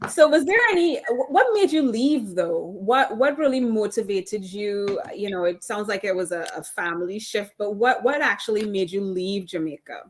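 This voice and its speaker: A woman's voice: medium pitch, expressive, moderate pace, hardly any pauses, slight background noise, rough recording. A woman hosting an interview, introducing and questioning her guest in an effusive, chatty way. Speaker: host. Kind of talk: casual interview chat.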